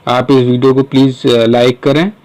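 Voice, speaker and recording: A man explaining a grammar point in a casual lesson, asking rhetorical questions and sounding out words slowly. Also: mid-range voice, level tone, darkish tone, poor audio. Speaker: English teacher.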